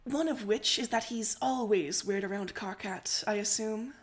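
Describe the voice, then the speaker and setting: A woman reading aloud as a composed, dry young woman friend with measured, formal phrasing. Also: mid-range voice, close to an everyday voice.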